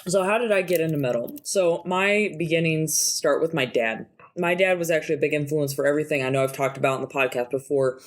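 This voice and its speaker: A podcast co-host with a husky smoker's voice, this woman chats casually and tells stories, laughing easily. She talks fast with few pauses, and her voice sits low.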